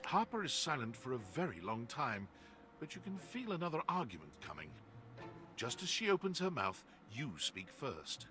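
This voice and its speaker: A man's voice: mid-range voice, big pitch swings, normal speed, natural voice. A man playing a wry, dramatic storyteller, narrating a video game in the second person. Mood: wry, suspenseful. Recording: clear music behind the voice.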